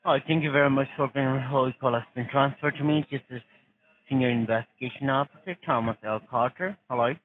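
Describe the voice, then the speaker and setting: A man's voice: medium pitch, steady tone, fairly quick. A man in call-center phone talk, formally polite and lecturing. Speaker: phone scammer posing as senior investigator. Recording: tinny phone line, crowd chatter behind.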